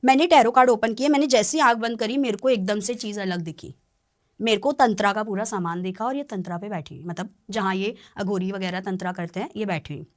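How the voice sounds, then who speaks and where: A woman's voice: medium pitch, fairly quick. A woman tarot reader talking on a podcast, explaining in an earnest, warning tone. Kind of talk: podcast conversation.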